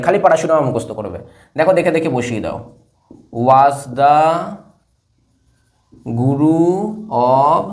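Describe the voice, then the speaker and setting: A male teacher explains an English lesson step by step, asking questions and answering them himself, and slowing down to spell and read English words aloud. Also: on the high side.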